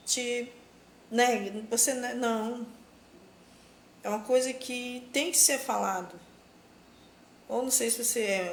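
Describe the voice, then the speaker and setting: A woman's voice: on the high side, roomy sound, slight background noise. A woman giving religious advice on a live stream, urging her listeners as brothers and sisters and repeating herself for emphasis. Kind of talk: casual preaching on a live stream.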